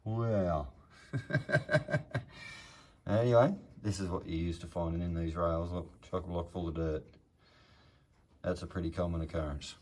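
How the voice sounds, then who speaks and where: Low-voiced man, broad Australian accent. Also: fairly even intonation, normal speed, a little mellow. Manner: laconic, slangy, understated. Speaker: hobby car restorer presenting progress videos. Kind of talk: casual workshop vlog, off-the-cuff commentary.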